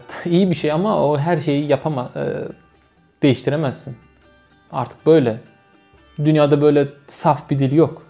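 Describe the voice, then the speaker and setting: Man teaching, Turkmen accent, hesitant and full of fillers, warm tone, slightly higher voice. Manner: hesitant, with many fillers and self-corrections. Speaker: language teacher. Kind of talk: casual video lesson.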